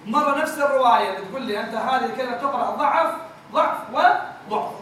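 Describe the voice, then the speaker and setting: A man teaching Quran recitation to a class, explaining patiently, repeating words and chanting verses slowly. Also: very high voice, fairly bright tone. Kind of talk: classroom lesson with chanted examples. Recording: very echoey room, mic far off, faint noise.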